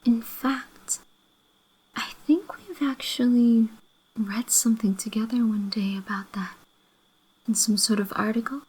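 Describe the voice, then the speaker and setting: A woman playing a loving, apologetic girlfriend in a breathy whispered role-play, gently making up after a fight. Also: fairly high pitch, fairly even intonation, measured pace, poor audio. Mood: soft, reassuring. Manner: gentle, reconciliatory, making up tenderly.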